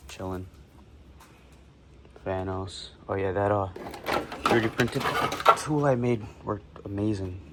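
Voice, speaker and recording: A man's voice: sits low, a little hiss or hum, rough recording. A young man narrating a casual car-build vlog in his home garage, laid-back and swearing freely, recorded on a camera mic.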